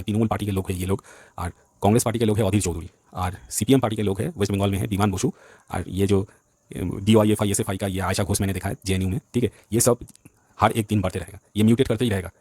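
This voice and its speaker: A man's voice: fairly low pitch, darkish tone, no echo. A man from West Bengal, speaking Hindi as an in a heated, repetitive political monologue. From West Bengal, India. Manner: agitated, repetitive, keeps saying "bhai sahab". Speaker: vlogger.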